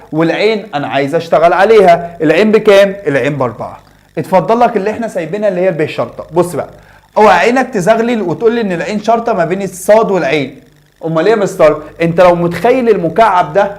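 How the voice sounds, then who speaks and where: A young man with an Egyptian Arabic accent teaches a math lesson at a quick clip. His voice sits a little high for a man. He keeps it chatty, asking his class questions and answering them himself. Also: darkish tone.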